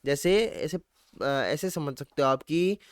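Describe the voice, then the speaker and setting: A young male biology teacher with a Hindi accent gives an online exam-prep lecture in a high, clean, resonant voice, speaking slowly. He quizzes students by repeating the same question and occasionally sings a playful line. The recording is dry and close, with no room echo.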